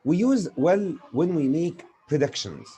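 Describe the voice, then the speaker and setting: Teaching grammar through examples, this man, a native Arabic speaker with an Egyptian accent, raises his own questions and answers them. His fairly high, mellow voice is very animated yet measured in pace, with slight background noise.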